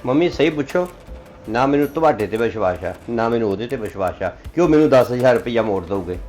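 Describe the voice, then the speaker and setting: A man's voice: medium pitch, lively intonation, fast talker, darkish tone, soft background music, lightly acted. A man with a Punjabi accent playing a son who lectures and warns his elderly mother. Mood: lecturing. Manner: lecturing, warning. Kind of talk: family drama acting.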